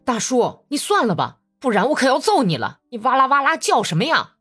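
A woman's voice: fairly low pitch, sing-song, moderate pace, husky, faint music behind. A woman reading an audiobook voices a strong young Cossack man who speaks in a tense, pressing way. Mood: warning.

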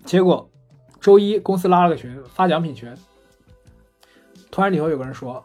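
A man co-hosting a casual podcast chat, telling anecdotes in a lively, chatty way. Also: a little high, moderate pace, faint music behind. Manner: chatty storyteller, animated retelling of anecdotes. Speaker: podcast co-host. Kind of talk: casual chat about gadgets.

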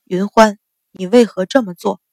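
A woman's voice: mid-range voice, moderate pace, darkish tone, dry recording, clean studio sound, voice pushed down, close to an everyday voice. A woman voicing a stern middle-aged father, an official, speaking coldly and scolding.

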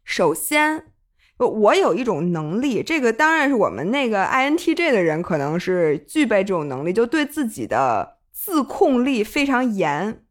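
A woman's voice: medium pitch, very animated, normal speed. A woman co-hosting a podcast, giving confident relationship advice in casual chat and dropping English words into her talk. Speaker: podcast co-host.

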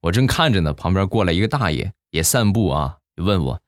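Low-voiced young man telling jokes. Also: a little fast, no room sound, studio quality. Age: young adult. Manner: animated, exaggerated exasperation. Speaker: comedy podcast host. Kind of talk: comic storytelling podcast.

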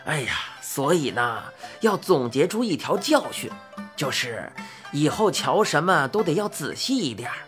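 A woman voicing an odd old man in a storybook, who talks slowly and musingly, as if lecturing. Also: low-pitched, big pitch swings, a bit bright, faint music behind, voice pushed down.

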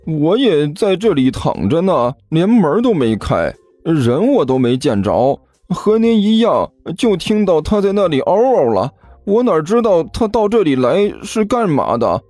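A man's voice: fairly high pitch, very animated, unhurried, mellow, no echo, soft background music, voice pushed up. A male narrator voicing a meek young male apprentice who stammers and answers hesitantly in an audiobook story.

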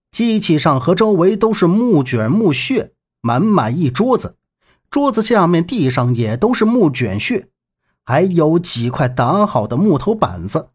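Husky male audiobook narrator, high and lively, dramatic read. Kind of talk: serialized novel narration.

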